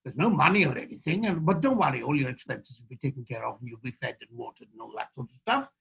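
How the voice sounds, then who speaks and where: A man voicing a brisk, jovial older theatre company manager with a posh, clipped, breezy manner and a husky voice. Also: mid-range voice, a bit bright, pitched below the performer's own voice, rough recording. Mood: jovial, reassuring.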